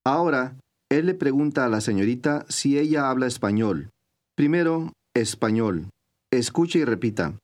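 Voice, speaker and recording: A man narrating an old-style recorded language lesson, clear and measured like a teacher giving drills, mid-pitched voice. he speaks steadily and carefully. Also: expressive. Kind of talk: scripted instructional narration.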